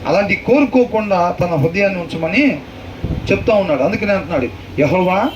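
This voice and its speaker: High-voiced man preaching, heard from afar. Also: expressive, highs cut off. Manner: questions the listeners, repeats verses slowly. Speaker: pastor teaching a Bible class. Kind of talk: conversational sermon with questions to the room. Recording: far from the mic, faint noise.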